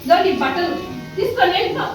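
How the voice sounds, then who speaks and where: Give me a sharp, scornful daughter-in-law, as a woman acts her out in a church stage drama, speaking high and fast. She is heard from a distance in a very echoey hall with clear noise behind her. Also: over music, natural voice. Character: harsh daughter-in-law, scornful then repentant. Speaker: church skit actor. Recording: echoey hall from far off, noisy.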